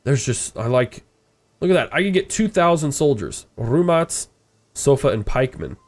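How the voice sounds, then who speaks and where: This is casual let's-play commentary from a man whose nose is stuffed up as he plays a strategy game. His mid-range voice is very animated at normal speed, and he rambles and thinks aloud with lots of "uh"s.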